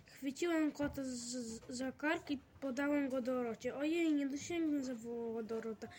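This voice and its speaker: A woman reading a children's storybook aloud in a lively, expressive way, with small slips. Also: sits high, moderate pace, slight background noise.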